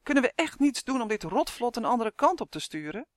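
Man voicing a shrill excitable little elf. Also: dry recording, clean studio sound. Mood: worried. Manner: shrill, quick and chattering. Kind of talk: audiobook character voice.

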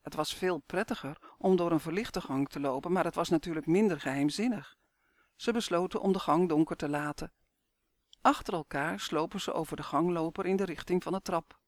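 A man reading a children's story aloud in steady, clear scripted narration. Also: fairly high pitch, brisk, dry recording.

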